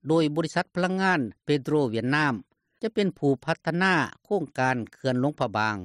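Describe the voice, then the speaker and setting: A man's voice: a little high, lively intonation, a little fast, fairly bright tone, no echo. A man with a Lao accent reading scripted radio news as a reporter.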